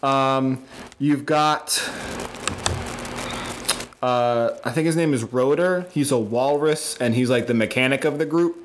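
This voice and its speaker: A man in casual chat, rambling with lots of fillers and getting excited as he explains. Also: medium pitch, measured pace, long pauses, noisy background.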